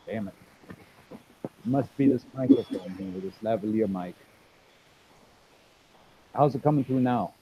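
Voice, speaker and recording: A man on a call testing a lapel mic, his voice coming through low and muffled as if through a wall, with a halting manner. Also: a little hiss or hum. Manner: halting, repeats test counts. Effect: muffled and low, as if heard through a wall. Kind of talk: casual mic check on a call.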